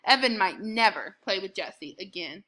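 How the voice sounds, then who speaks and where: A woman reads a children's book aloud in an expressive storytelling style, her mid-range voice moving at a moderate pace.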